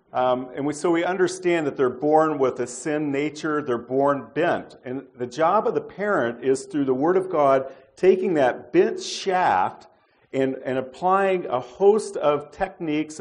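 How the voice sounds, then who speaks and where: The sermon comes from a middle-aged man whose pitch sits in the medium range; he speaks conversationally, hesitating with fillers and reworking sentences midway.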